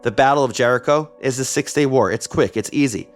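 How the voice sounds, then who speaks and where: A man's voice: medium pitch, brisk, faint music behind. A man hosting a history podcast, narrating a script with wry, conversational asides. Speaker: podcast host.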